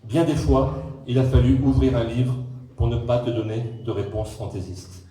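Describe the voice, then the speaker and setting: A man's voice: mid-range voice, fairly even intonation, normal speed, dark tone. A middle-aged man giving a speech as father of the groom, reading a formal text with dry jokes about himself. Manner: reads formal text, breaks off for dry self-mocking jokes. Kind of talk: prepared speech with joking asides. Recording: echoey hall, far from the mic, faint noise.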